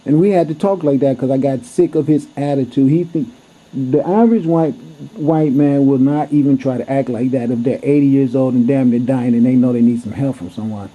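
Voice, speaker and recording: A man's voice: medium pitch, a little fast, mellow. A man telling a story to camera in a blunt, heated way, cursing freely as he goes. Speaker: vlogger. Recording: dull lo-fi recording.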